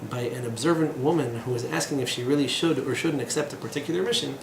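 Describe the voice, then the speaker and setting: A man in his thirties teaches a class in a small room, his medium-pitched, creaky voice moving at a quick pace. The lecture is informal, full of digressions, fillers, asides, jokes and sardonic humor. The room is echoey, with background noise.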